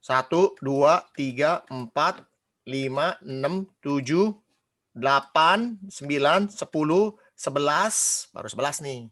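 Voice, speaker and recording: A man preaching a casual sermon, animated, quizzing the congregation and mimicking gossiping people. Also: on the high side, takes it slowly.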